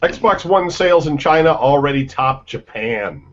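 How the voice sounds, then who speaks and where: A man hosts a casual gaming news podcast, reading headlines and then joking around with loose banter and plenty of swearing. His voice is on the high side, animated and unhurried, and the dull lo-fi audio has slight background noise.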